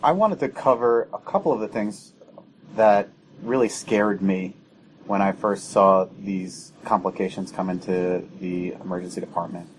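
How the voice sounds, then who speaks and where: A man, an emergency physician, explaining clinical management in a measured, teaching way on a podcast. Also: low voice, slight background noise, rough recording.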